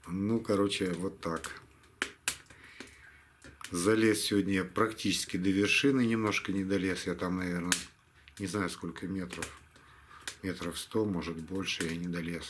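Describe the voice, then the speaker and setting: Man, casual vlog monologue, deep voice, tired and resigned, halting delivery, clearly noisy recording. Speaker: hunting vlogger.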